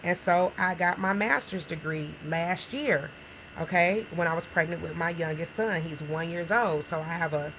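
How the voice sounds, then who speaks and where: A woman's voice: on the low side, fairly bright tone, slight background noise, rough recording. A woman in her forties talking casually to camera as a small business owner, frank and encouraging, often checking in with "okay?" and "right?". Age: 40s. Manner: frank and encouraging, talks straight to the viewer.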